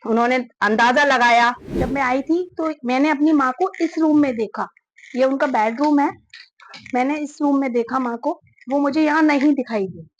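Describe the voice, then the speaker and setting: High-voiced woman recounting, dull sound. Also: normal speed, slight background noise. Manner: earnest, repeats phrases and restarts often. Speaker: interviewee, daughter of the victim.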